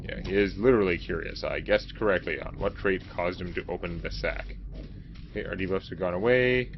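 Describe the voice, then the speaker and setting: A man's voice: low voice, fairly quick, highs cut off, background noise. A man giving casual gameplay commentary as a let's play host, chatty and self-mocking as he thinks aloud. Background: game music.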